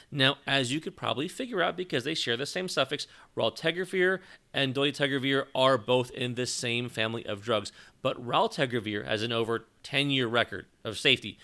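Man, podcast co-host, medical explainer, bright voice, steady delivery. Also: medium pitch, clean tone. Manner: measured, explanatory. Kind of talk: educational medical podcast talk.

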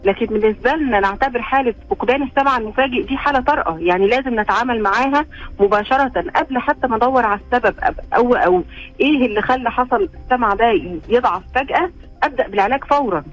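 Rapid Egyptian woman doctor explaining. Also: on the high side, faint music behind, rough recording. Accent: Egyptian Arabic. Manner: explanatory, checks understanding with "okay?". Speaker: doctor, studio guest. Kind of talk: explaining on a radio interview.

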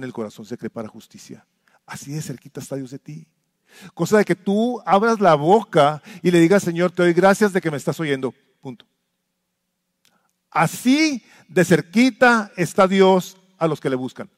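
A man's voice: fairly high pitch, no room sound. Impassioned preaching man, dry sound. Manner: swings from loud impassioned pleading to quiet intimate asides. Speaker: pastor. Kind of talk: sermon. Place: church.

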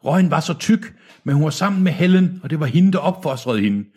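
A man's voice: on the high side, expressive, warm tone, breathy edge, voice pushed up. A man reading aloud and voicing a frightened old male captive who stammers and pleads.

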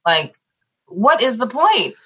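An emphatic woman panelist talks with sardonic energy. Her voice swoops up and down in a lively way and has a husky edge. She sounds like a teacher driving a point home in casual talk. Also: a little high, slow pace. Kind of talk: casual political discussion.

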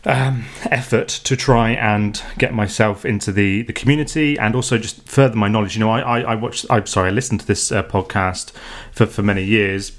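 A British podcast co-host with a lowish voice chats casually, talking fairly quickly with hardly any pauses. He sounds hesitant, though, filling his speech with ums and restarts.

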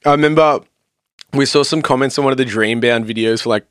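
A man's voice: medium pitch, fast talker, dry recording, clean studio sound. A young man, a podcast guest, telling stories in casual chat, swearing freely and acting out what people said. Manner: animated storytelling, swearing freely, acting out quotes.

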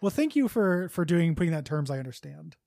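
A man co-hosting a podcast in casual chat, blunt and jokey, quick to vent. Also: on the high side, sing-song, gravelly, a little mellow. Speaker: podcast co-host.

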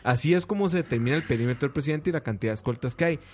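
A man's voice: mid-range voice, racing, slight background noise. A man with a Costa Rican accent, hosting a casual panel podcast and talking bluntly and emphatically. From Costa Rica. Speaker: podcast host.

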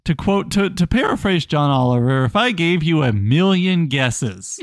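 Man, podcast co-host, opinionated, joking, lively pitch, dry close mic. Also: moderate pace, no room sound. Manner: joking, opinionated, blunt, swears. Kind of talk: casual film discussion.

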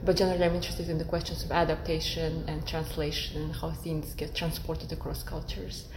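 A woman's voice: deep voice, flat delivery, a little fast, echoey room, background noise. A woman from Kazakhstan, a guest academic in an interview, talking thoughtfully with many fillers and restarts. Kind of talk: conversational interview.

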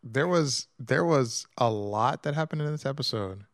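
Podcast co-host, man, wry and joking, mid pitch, dry close mic. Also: animated, moderate pace, no echo. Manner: wry, self-deprecating. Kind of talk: casual chat.

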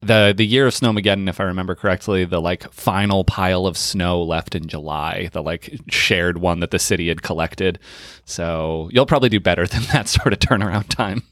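A man co-hosting a podcast, chatting casually and telling quick, jokey stories. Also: sits low, a bit bright, dry recording, studio quality. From northeastern United States. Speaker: podcast co-host. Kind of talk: casual chat.

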